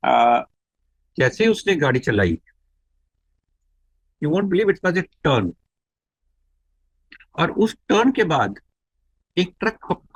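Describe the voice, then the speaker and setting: Middle-aged man, devotee giving testimony; slow, reflective storyteller, slightly high voice. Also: dry recording. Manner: unhurried, reflective storytelling that mixes in English phrases. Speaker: devotee sharing a personal testimony. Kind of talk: unscripted spoken testimony.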